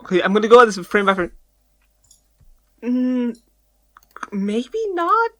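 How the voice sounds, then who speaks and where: A man hosting a casual podcast, jokey and animated, dropping loud and soft. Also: very high voice, unhurried. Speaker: podcast host.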